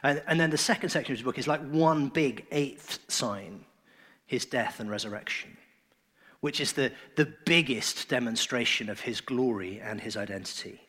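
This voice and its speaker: A man preaching a sermon in an earnest, emphatic way, his phrases often trailing off softly. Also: medium pitch, moderate pace, breathy edge.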